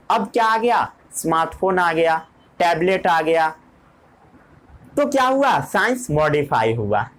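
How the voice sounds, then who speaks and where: A woman's voice: medium pitch, poor audio. A woman teaching a science class, asking questions and repeating the key words.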